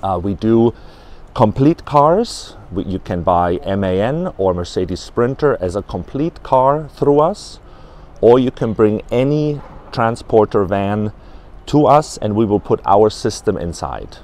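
Speaking in a lowish, sing-song voice with a darkish tone and an unhurried pace, a forties-aged man gives a product walkthrough of a camper van's fittings. He represents a company at a trade fair stand and fills his talk with hesitations, recorded on a lapel mic in a big exhibition hall.

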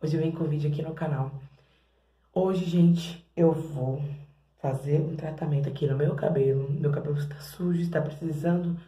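A woman's voice: low voice, steady tone, normal speed, dark tone, roomy sound, rough recording. A Brazilian woman vlogging in her bathroom as she tests hair products, chatting to her viewers. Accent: Brazilian Portuguese. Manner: chatty, keeps addressing viewers as "gente". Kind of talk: casual product-testing vlog. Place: home bathroom.

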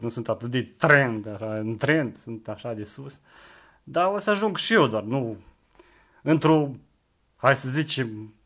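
A man's voice: mid-range voice, a bit bright. A man in his twenties who jokes about himself in a rambling, hesitant monologue full of restarts. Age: 20s. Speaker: vlogger. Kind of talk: joking monologue to camera.

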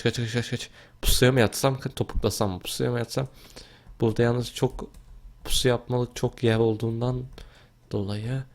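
A young man casually commentating his own Minecraft gameplay, talking to himself and yelping and shouting as the action heats up. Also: mid-range voice. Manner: excitable, talks to himself, yelps and shouts mid-game. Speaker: gaming video host.

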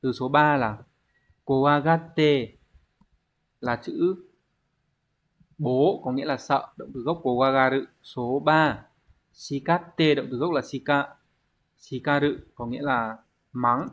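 A man teaches an online exam-prep lesson. His pitch sits at an ordinary middle level as he patiently walks through each point and poses questions to the students before answering them himself. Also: a little slow, a bit bright. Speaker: Japanese language teacher.

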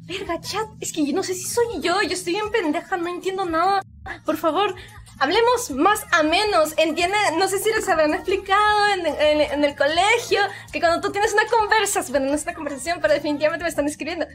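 A woman's voice: very high-pitched, a little fast, a bit bright. A young woman streaming live, chatting casually, reading chat messages aloud and laughing often. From Peru.

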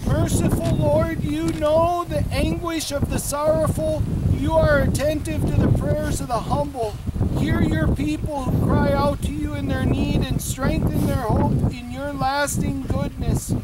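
Slow graveside prayer from a man, wind-blown. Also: very high voice. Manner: measured, formal liturgical recitation. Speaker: priest leading a graveside committal. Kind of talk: solemn graveside prayer, read aloud. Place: outdoors in a snowy open cemetery. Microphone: far camera microphone. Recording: distant camera mic, loud wind noise. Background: loud wind noise.

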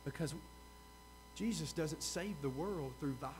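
High-voiced preacher man. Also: measured pace, slight background noise. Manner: earnest, repeats key questions, swings from loud to hushed. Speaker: pastor. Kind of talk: sermon.

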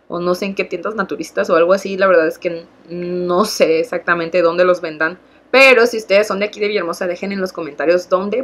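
A young Mexican woman talks through her favorite cheap makeup in a casual vlog. She gushes over each product and stacks her words for emphasis. Her voice sits at an ordinary middle pitch for a woman. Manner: enthusiastic, gushing, repeats "muy, muy". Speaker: beauty vlogger.

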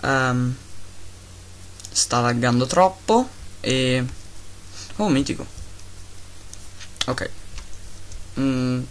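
A man giving casual, excitable gameplay commentary, talking to his pets and grumbling at lag. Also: mid-range voice, very slow, long pauses, a little hiss or hum. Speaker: Minecraft let's-player.

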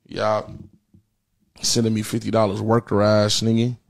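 A fairly low, monotone, creaky male voice speaking at a measured pace. He's an American in his thirties hosting a comedy livestream full of casual, profane, repetitive slangy banter, recorded in an indoor studio in front of a printed backdrop.

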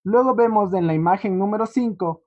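A teacher patiently walking students through an online lesson, often checking in with a quick "¿sí?". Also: medium pitch. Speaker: English teacher. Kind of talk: online class walkthrough. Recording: dull lo-fi online class audio.

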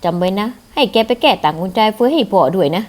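A woman voicing a blustering, gruff middle-aged father in a manga read-aloud, her voice dropped low. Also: very animated, quick pace, darkish tone, natural voice. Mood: coaxing.

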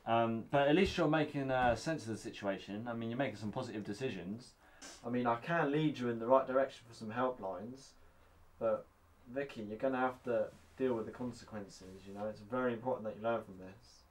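A man playing a calm, patient youth counsellor who often says um while giving advice. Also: medium pitch, a little fast, natural voice. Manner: calm, patient, with frequent ums.

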